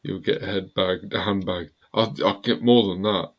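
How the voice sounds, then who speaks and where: A man's voice: sits low, fairly even intonation, normal speed, dull audio. A man hosting a casual live stream from home, joking around and laughing often. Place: home room near a staircase.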